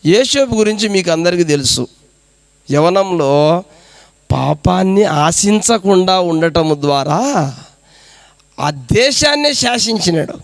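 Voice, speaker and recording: A man's voice: high-pitched, lively intonation, slow, vocal fry, long pauses, no room sound. A man preaching a sermon as a pastor, exhorting the congregation with rhetorical questions. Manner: repetitive preaching cadence.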